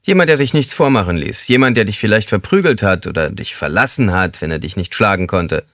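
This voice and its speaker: A man's voice: fairly low pitch, lively intonation, brisk, a bit bright, no echo, clean studio sound. A man playing a hardened career criminal. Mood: cynical. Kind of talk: audiobook character voice.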